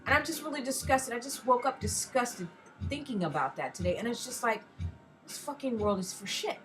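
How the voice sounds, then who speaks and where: A woman's voice: on the high side, expressive, a little fast, fairly bright tone, faint music behind. An American woman in a casual personal rant, speaking frankly with heavy swearing and emphatic rhetorical questions. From United States. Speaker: vlogger, self-described erotic artist.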